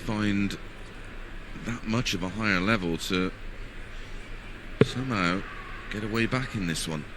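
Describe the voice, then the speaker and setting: A man co-commentates on darts with a fairly low voice. He talks conversationally, with clear venue noise behind him. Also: unhurried. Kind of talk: conversational live sports commentary.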